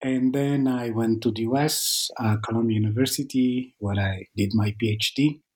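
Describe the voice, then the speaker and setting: A middle-aged man with an Angolan accent answers interview questions as an academic guest, haltingly, often repeating words. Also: mid-range voice, steady tone, a little mellow, breathy edge. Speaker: academic author, podcast guest.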